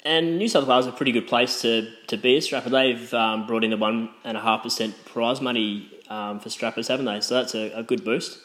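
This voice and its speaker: A man's voice: medium pitch, fairly even intonation, a little fast, hardly any pauses, fairly bright tone. An Australian man conducting a casual interview, asking questions in a friendly, somewhat hesitant way.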